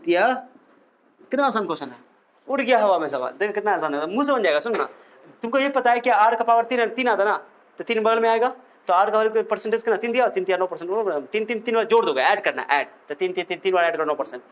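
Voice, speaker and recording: A man's voice: high-pitched, lively intonation, fast. A male physics teacher works through problems. He teases and quizzes his students as he goes. He keeps the lecture playful and joking. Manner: teasing, jokey, quizzes the students.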